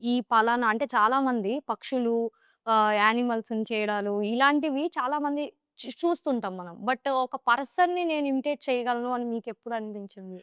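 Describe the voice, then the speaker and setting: A woman's voice: fairly high pitch, normal speed, fairly bright tone, smooth, dry recording, studio quality. A woman hosting a podcast interview who asks questions and listens attentively. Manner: attentive, with frequent short backchannel sounds. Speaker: podcast host.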